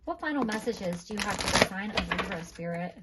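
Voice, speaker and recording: A woman giving a tarot reading in a gentle, reassuring way, pausing now and then with fillers. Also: mid-range voice, expressive, very noisy. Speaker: tarot reader.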